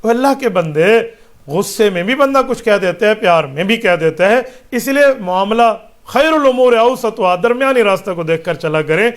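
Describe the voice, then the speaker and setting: A man's voice: high-pitched, lively intonation. A man answering listeners' religious questions as a mufti, speaking emphatically with rhetorical questions and repeated parallel phrases.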